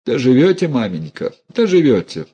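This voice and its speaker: A man's voice: low-pitched, lively intonation, slow pace, creaky, dark tone, husky, muffled recording, exaggerated voice. A man voicing a hard, spiteful young woman who answers defiantly in an audiobook. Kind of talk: audiobook character voice.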